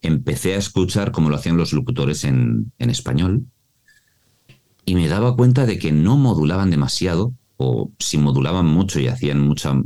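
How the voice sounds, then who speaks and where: A man from Mallorca speaks with a Spanish accent from Spain in an extremely low, dark and mellow voice. He explains like a voice coach in an interview, with an expressive teaching tone and frequent check-ins. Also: normal speed. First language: Mallorcan Catalan alongside Spanish. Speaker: voice-over artist and voice coach.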